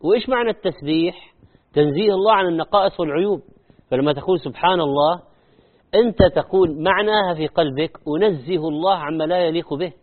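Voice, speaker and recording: A man's voice: a little high, quick pace. A man giving a religious lesson, acting out wrong and right ways of saying short phrases by repeating them. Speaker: Islamic teacher. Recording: tinny phone-like sound.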